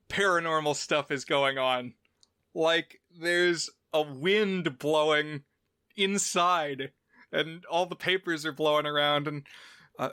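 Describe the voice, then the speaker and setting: Bright, crisp-voiced man recapping a film. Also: a little high, dry recording, clean studio sound. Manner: recaps the plot at length in a loose, conversational way. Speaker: podcast co-host. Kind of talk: casual film review chat.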